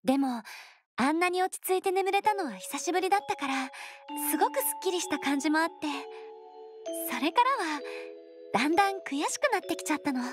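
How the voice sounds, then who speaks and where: A woman voicing an affectionate, gently bashful young girlfriend in soft, intimate pillow talk for a Japanese anime game. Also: extremely high pitch, lively intonation, a little fast, over music. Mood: reminiscing softly.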